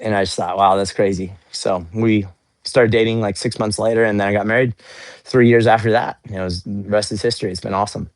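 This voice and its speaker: Young man, low-pitched voice, earnest and upbeat, motivational faith livestream, outdoors in snow, dry close sound. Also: steady tone, quick pace, no room sound. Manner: earnest, upbeat, repeats words often. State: cooling off after a workout. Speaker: livestream host.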